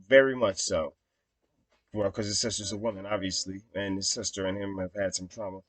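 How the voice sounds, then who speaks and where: A young man hosting his own vlog, talking through a film review in a blunt, profane, rambling way with lots of fillers. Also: medium pitch. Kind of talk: casual rambling commentary.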